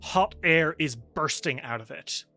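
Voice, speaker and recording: A man narrates a tabletop game as game master, painting the scene in vivid, animated detail. His voice sits a little high and sounds bright and sharp. His delivery is lively and descriptive. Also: measured pace, soft background music.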